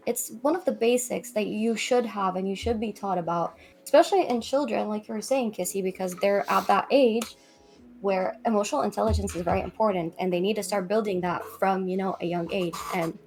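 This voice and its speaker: With background music behind her, a young woman from Lebanon takes part as a guest in a discussion, earnest and reflective; she is a PhD student in psychology. Her voice is medium-pitched and creaky.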